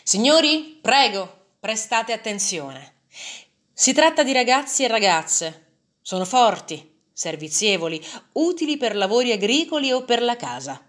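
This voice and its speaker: A woman voicing a corpulent male slave auctioneer who pushes his sale loudly and commandingly. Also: sing-song, a little slow. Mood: coaxing. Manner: loud, commanding sales pitch.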